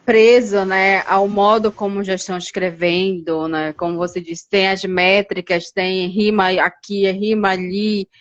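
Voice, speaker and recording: A woman's voice: medium pitch, flat delivery, measured pace, few pauses, dull audio. Woman hosting a live interview. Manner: asks probing questions, encouraging. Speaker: host.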